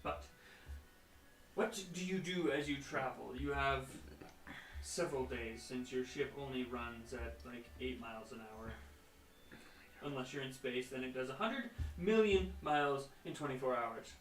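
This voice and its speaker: A man's voice: mid-range voice, unhurried, a bit bright, distant mic. A man narrating as game master in a tabletop game, chatty and laughing often. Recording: echoey room, off mic.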